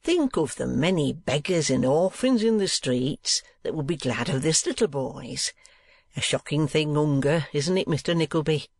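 A man voicing a greedy, sanctimonious middle-aged schoolmaster in a storybook reading, with an oily, drawn-out, preachy delivery. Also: on the high side, lively intonation, vocal fry, husky, no room sound, clean studio sound, exaggerated voice.

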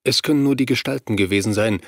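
An anxious father, tense and pressing, as a male reader voices him in a plain, even register. He talks urgently about his missing son. The audiobook recording is close and dry. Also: mid-range voice, quick pace, no room sound, lightly acted. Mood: worried.

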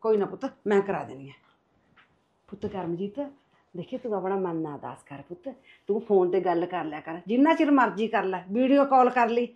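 A woman's voice: medium pitch, lively intonation, moderate pace, close to an everyday voice. Woman acting as kindly older mother, soothing, reassuring, dull lo-fi sound. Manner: gentle, reassuring, calls others son. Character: kindly mother, soothing her son's wife. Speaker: mother-in-law.

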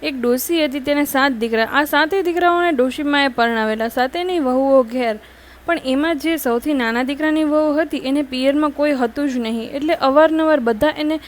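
A woman narrating a devotional folk tale in a gentle storytelling manner, addressing her listeners as friends. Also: high voice, normal speed, low-quality recording.

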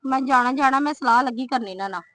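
A woman's voice: high-pitched, racing, sharp tone. A woman playing a young wife who complains, sulky and aggrieved, in a short family film. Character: young wife sulking about her sister-in-law. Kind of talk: scripted short film acting.

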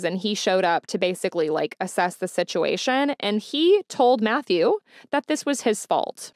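A woman's voice: mid-range voice, no room sound, clean studio sound. A woman hosting a mystery podcast, retelling a true-crime story in a casual, chatty way, full of fillers and asides to her listeners. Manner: chatty, frequent "like" and "you know" fillers; conversational, addresses listeners directly. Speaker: podcast host.

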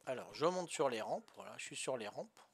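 An older Corsican gamer talks briskly while playing, his medium-pitched voice lively and touched with vocal fry, over a little hiss or hum. Good-natured, he often asks if he's doing it right, sprinkling in "hein" and "voilà".

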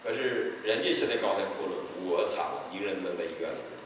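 A male pastor from mainland China, telling a story in an evangelistic sermon, acting out dialogue and breaking into loud exclamations. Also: low-pitched, lively intonation, quick pace, slight background noise. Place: large church hall. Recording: echoey hall, voice picked up from a distance.

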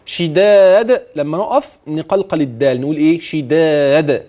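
A man with an Egyptian accent teaching Quran recitation on TV, asking and answering his own questions and chanting verses slowly to demonstrate. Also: on the high side, big pitch swings, a little mellow, lo-fi sound. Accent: Egyptian Arabic. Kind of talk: TV recitation lesson, explaining and demonstrating. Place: TV studio.

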